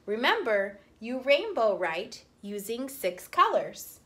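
Bright, slow-talking kindergarten teacher. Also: female voice, a little high, very animated. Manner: speaks slowly and sounds words out for young children. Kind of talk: slow, clear classroom instruction.

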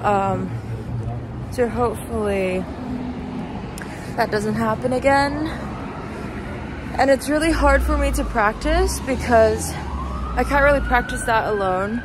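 With a voice that sits a little high, a young adult vlogger records a casual walking chat on her handheld phone, held at arm's length. She rambles in a halting way as she moves down a city street at night, with traffic and street sounds all around.

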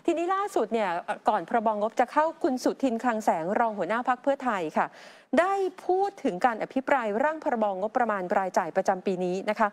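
A woman co-anchor reading the political headlines at a rapid clip. Her voice is a bit high. She keeps the delivery brisk and conversational. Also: expressive. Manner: brisk, reads reports with polite particles. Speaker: news co-anchor.

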